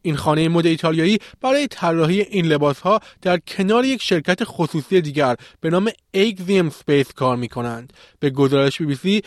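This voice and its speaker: A man's voice: on the high side, no echo. A man presenting technology news in a scripted reading style, close to the microphone.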